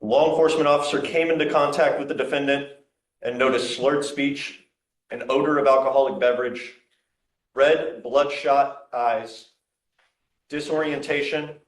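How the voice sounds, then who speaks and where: A man formally reading out probable cause reports in a courtroom, in a matter-of-fact way. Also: medium pitch. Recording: echoey courtroom sound.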